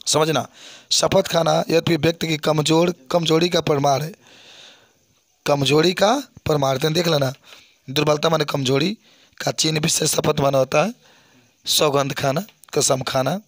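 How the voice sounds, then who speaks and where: Raspy-voiced man explaining a Hindi poem. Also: a little high, fairly even intonation, normal speed, no echo, clean studio sound. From India. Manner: explains line by line, repeats phrases, asks students questions. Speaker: Hindi literature teacher.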